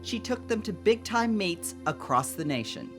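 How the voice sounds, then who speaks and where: A woman reading scripted documentary narration in a measured, even way. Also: mid-range voice. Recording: music bed under narration.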